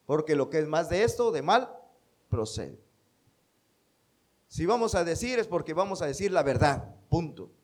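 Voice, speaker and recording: A man's voice: fairly high pitch, sing-song, normal speed, pauses often. A man with a Mexican accent preaching a sermon, emphatic and quoting scripture. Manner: emphatic, quotes scripture, acts out quoted speech.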